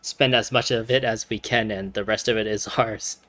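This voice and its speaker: A woman giving casual, chatty commentary over a game playthrough, full of fillers and loud reactions. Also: a bass voice, fairly even intonation, moderate pace, background noise. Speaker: gameplay commentator.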